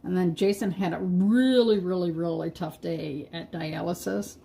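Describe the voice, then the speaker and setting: A woman's voice: fairly low pitch, fairly even intonation, moderate pace, creaky, dark tone. A middle-aged woman hosting a live craft stream, chatting casually with viewers and talking to herself as she paints. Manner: chatty, talks to herself and to viewers, laughs at her own slips.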